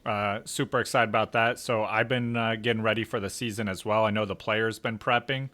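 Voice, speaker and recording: A man co-hosting a casual fantasy football podcast over a video call from work on his lunch break, relaxed and quick to laugh. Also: lowish voice. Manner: relaxed, laughs often, jokey. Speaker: podcast co-host.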